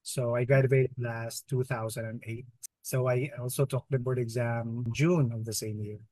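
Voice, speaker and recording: A man's voice: mid-range voice, fairly even intonation, normal speed, mellow, no echo, poor audio. A Filipino-accented man in his thirties telling a personal story conversationally as an interview guest, slipping Tagalog words into his English. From Philippines. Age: 30s. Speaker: interview guest, emergency room nurse.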